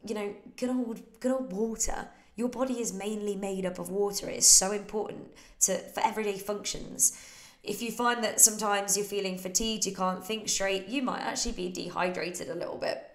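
A woman fitness coach and podcast host with a slightly croaky voice, chatting in a casual, encouraging way as she answers listener questions. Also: medium pitch, reverberant. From United Kingdom. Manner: chatty, encouraging, with frequent laughs.

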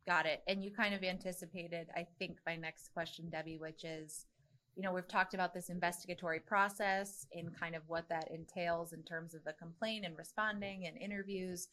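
A woman's voice: lowish voice, steady tone, moderate pace, fairly bright tone. A woman hosting a legal podcast, asking questions in a friendly way and laughing lightly. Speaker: podcast host, employment lawyer. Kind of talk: interview hosting.

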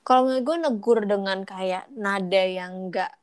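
A woman's voice: mid-range voice, normal speed. A woman co-hosting a podcast in a casual chat, explaining things with examples and slipping English phrases in. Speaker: podcast co-host.

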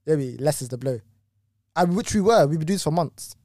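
Man, young adult, rapid ranting storyteller, slangy, dry recording. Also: a little high, no room sound. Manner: animated ranting storyteller, heavy slang and swearing. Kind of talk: casual chat.

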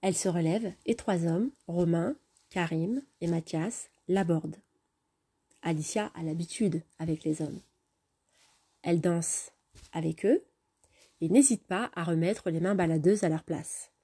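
A woman narrating a story in a steady, plain manner. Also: lowish voice, unhurried, slightly rough.

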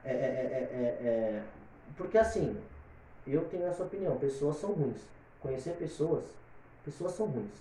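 Podcast guest: man, rambling and opinionated, dark tone, heard from a distance in a roomy space. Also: medium pitch, lively intonation, moderate pace, a little hiss or hum. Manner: opinionated, rambling, repeats fillers. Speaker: guest singer. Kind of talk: casual podcast chat. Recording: very echoey room, distant mic.

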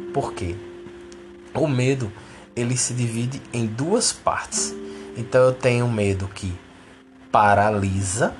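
A man explaining a lesson step by step, repeating key words and checking in with the listener. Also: mid-range voice. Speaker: teacher of a spiritual course. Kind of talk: didactic explanation.

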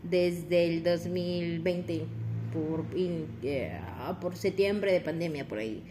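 A woman's voice: on the low side, takes it slowly, background noise. Young woman, podcast co-host, casual gossip storyteller, chatty and giggly. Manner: chatty, laughs often, rambling with restarts.

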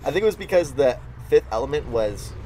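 A young man in easygoing, relaxed casual chat with friends. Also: mid-range voice, a little fast, music in the background.

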